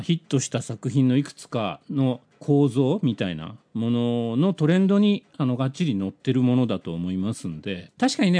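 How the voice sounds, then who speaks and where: Male streamer, Hiroshima accent, mellow tone, very animated pitch, casual storytelling. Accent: Hiroshima Japanese. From Hiroshima, Japan. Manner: animated storytelling, acts out quoted conversations. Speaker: streamer answering viewer messages. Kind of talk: casual live stream chat.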